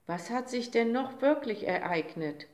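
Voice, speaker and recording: A woman voicing a gruff but caring father day, talking brusquely and impatiently, in a roomy recording. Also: a little high, animated, measured pace, darkish tone, pitched above the performer's own voice. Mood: dismissive. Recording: roomy echo.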